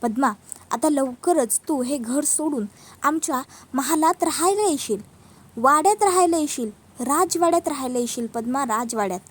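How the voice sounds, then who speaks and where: A woman's voice: high voice, normal speed, lightly acted. A woman voicing a menacing young man who taunts and insists on a forced marriage. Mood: taunting. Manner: taunting, insistent, repeats himself.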